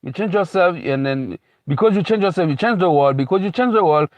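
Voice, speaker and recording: Fairly quick and with lively intonation, a high-voiced Haitian man in America gives a loose, unscripted motivational talk full of repetition, restarted phrases, and "you know." The recording is dry.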